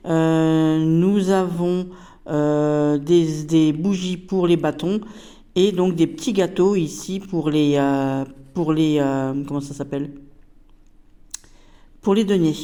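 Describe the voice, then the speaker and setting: Chatty woman, mellow hesitant delivery. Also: low voice. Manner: chatty, hesitant, many fillers. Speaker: tarot deck reviewer. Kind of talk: casual product review.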